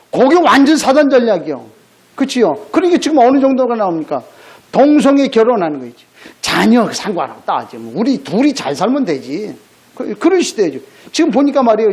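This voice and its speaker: Male pastor, Sunday sermon. High, lively voice. Chatty, blunt, full of rhetorical questions. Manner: conversational preaching, rhetorical questions, blunt scolding asides. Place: church sanctuary.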